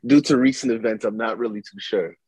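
A young man talks in a relaxed, musing way, dropping slang in a casual chat. His voice is low and a little husky. The recording is dry, with no room echo. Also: fairly quick. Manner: laid-back, musing, slangy.

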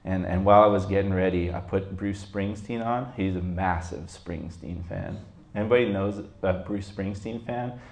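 A man telling a reflective personal story to a group, halting, with many fillers. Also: low voice, darkish tone. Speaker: group participant sharing a story. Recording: roomy echo.

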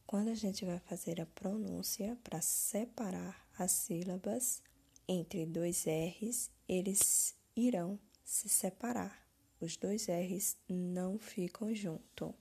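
A woman teacher reads out answer keys for young pupils, slowly and deliberately, spelling words out. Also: medium pitch, creaky, warm tone, slightly rough. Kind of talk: slow classroom answer-key reading.

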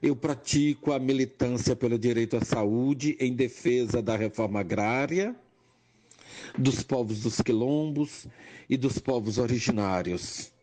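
Older Pernambucan man, nurse-educator; slow, measured testimony with rising emphasis. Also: medium pitch, mellow. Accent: Pernambuco Portuguese. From Brazil, Pernambuco. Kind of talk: personal testimony monologue.

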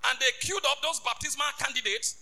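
Brief: bishop preaching, very high and sharp voice, emphatic, repeats himself, builds to shouts. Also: male voice, brisk, soft background music, low-quality recording. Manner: emphatic, repetitive, rising to shouts. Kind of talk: sermon.

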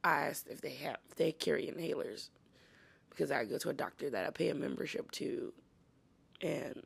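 A sick, congested woman podcast host with a smoker's rasp, hoarse and breathy, giving a casual personal update. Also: sits low, normal speed. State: sick, congested and wheezy, coughing and throat-clearing.

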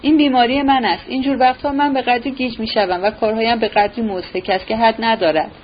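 A woman voicing a gentle, anxious young prince who talks in an earnest, agitated way, in a dull recording with a faint hiss. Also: a little high, steady tone, close to an everyday voice. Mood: apologetic.

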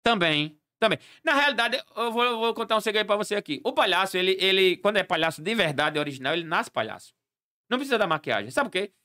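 A man, a clown and party entertainer, telling animated stories as a podcast guest and acting out the dialogue. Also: high-pitched, fast, no room sound, studio quality. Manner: animated storyteller acting out dialogue, laughing often.

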